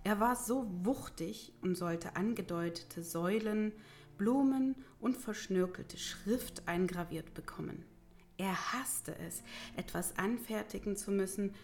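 A woman reading a fantasy story aloud in a soft, measured narration. Her voice sits at an ordinary middle pitch, and some phrases drop to a breathy near-whisper.

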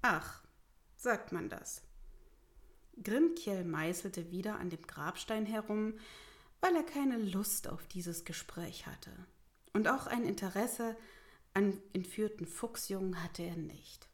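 A woman reading a fantasy story aloud in a soft, measured narration. Her voice sits at an ordinary middle pitch, and some phrases drop to a breathy near-whisper. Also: expressive.

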